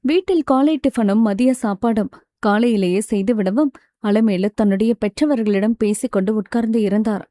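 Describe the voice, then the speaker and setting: A woman with a Tamil Nadu accent reads a novel aloud as an audiobook narrator. Her voice is warm and mellow at a middling pitch, and she slips lightly into each character's dialogue in a conversational tone. The recording is dry and close, with no room sound. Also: normal speed, no room sound. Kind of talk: reading a novel aloud, voicing all characters.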